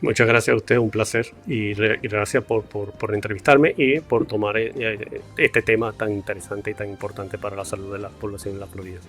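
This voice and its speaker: Low-voiced doctor explaining studies. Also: male voice, fairly even intonation, a bit bright, faint music behind. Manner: measured, explanatory. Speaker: epidemiologist guest. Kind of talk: expert interview.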